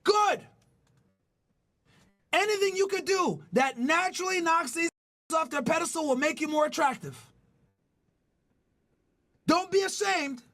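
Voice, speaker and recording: A man's voice: very high-pitched, sharp tone. A man hosting a podcast, giving blunt, profane dating advice in an emphatic lecturing manner. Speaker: podcast host.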